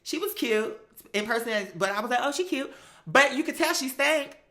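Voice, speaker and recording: A woman hosting an online talk show swaps gossip and spins stories in a casual, emphatic style full of sass, swearing, and theatrics. Her voice sits high and sounds animated and a bit bright, at a moderate pace.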